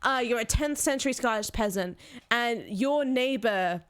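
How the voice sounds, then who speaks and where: Rambling, excitable woman, slightly high voice. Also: normal speed, smooth. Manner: rambling and excitable, trailing off and restarting. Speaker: podcast co-host. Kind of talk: casual chat.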